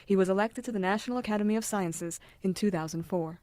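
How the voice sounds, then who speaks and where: A woman reading scripted narration for a radio profile in an even broadcast delivery. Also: mid-range voice, fast talker, no echo.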